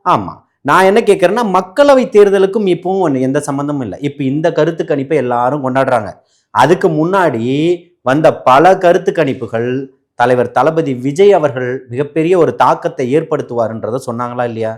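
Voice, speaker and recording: A man jabs and mocks his way through a heated political debate. His voice sits a bit high, and he fires off quick lines while cutting in on the other side. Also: lively intonation. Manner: mocking, rapid-fire, interrupting.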